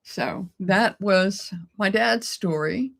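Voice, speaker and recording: A woman's voice: medium pitch, slow pace, vocal fry, a bit bright. A middle-aged woman co-hosting a casual chat, telling a personal story in an emotional way and laughing often. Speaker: co-host.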